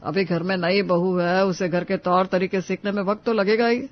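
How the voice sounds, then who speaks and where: A man voicing a calm older father-in-law in a cartoon story, mild and placating. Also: high-pitched, normal speed, dull audio, natural voice.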